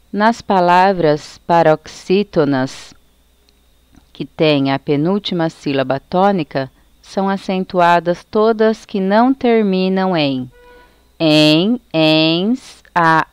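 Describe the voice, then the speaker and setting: A woman teacher with a Brazilian accent, slowly explaining a recorded lesson to children. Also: fairly low pitch, clean tone, no room sound. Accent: Brazilian Portuguese. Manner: slow, careful explanation, reading out lists.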